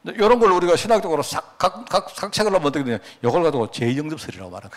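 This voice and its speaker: A male pastor, preaching a sermon in an animated storytelling manner and acting out quotes. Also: fairly high pitch, very fast.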